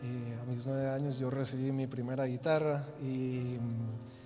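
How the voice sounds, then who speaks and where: Speaking unhurriedly in a mid-range voice with little rise or fall, the Costa Rican man in his twenties continues his church testimony. Soft guitar and the hall's reverberation surround his hesitant, filler-laden speech full of restarts.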